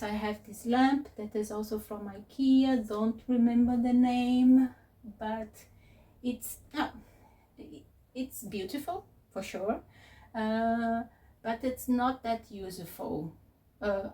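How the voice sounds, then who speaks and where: A woman who is not a native English speaker, giving a casual, unscripted tour as a vlogger in a hesitant, halting way. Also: medium pitch, mellow. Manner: hesitant, halting phrasing with searching pauses. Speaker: craft vlogger and presenter. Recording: distant mic with faint noise.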